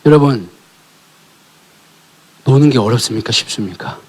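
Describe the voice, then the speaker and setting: Speaking at a moderate pace in a mid-range voice, a male pastor preaches to his congregation in the church sanctuary. He shares a family story, poses questions to the people, and moves from emphatic calls down to quiet near-whispers.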